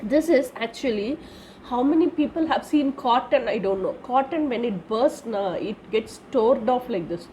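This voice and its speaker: A woman's voice: fairly high pitch, expressive, moderate pace, dark tone, a little hiss or hum, low-quality recording. A woman with an Indian accent and a congested, slightly wheezy voice from a cold and sore throat, giving a casual spiritual reading in an instructive, repetitive way. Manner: instructive, repeats phrases with tag 'na'. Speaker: charms card reader giving guidance.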